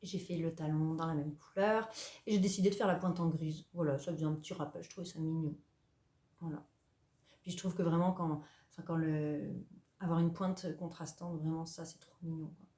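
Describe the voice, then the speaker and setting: A woman's voice: sits low, steady tone, a little fast, warm tone, roomy sound. A young woman hosting a craft vlog from home, chatting casually with lots of hesitations and playful self-mocking asides. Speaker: knitting and sewing podcaster. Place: at home, indoors.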